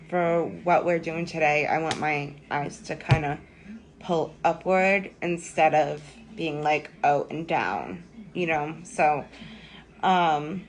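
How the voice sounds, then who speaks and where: A young woman hosting a live makeup tutorial from home, rambling and self-deprecating as she chats with viewers. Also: deep voice. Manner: rambling, self-deprecating, lots of ums and likes.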